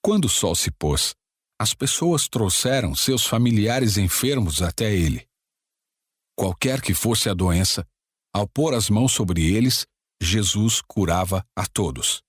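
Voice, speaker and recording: Male scripture reader, low pitch, breathy, dry booth. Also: lively intonation, unhurried, no room sound. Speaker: Bible narrator.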